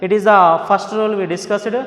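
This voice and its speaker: A male teacher with a Telugu accent, giving a slow classroom lesson in English and Telugu, repeating each word aloud. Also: high-pitched, flat delivery. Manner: slow, drawn-out, repeating words to model stress. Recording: echoey hall with long reverb.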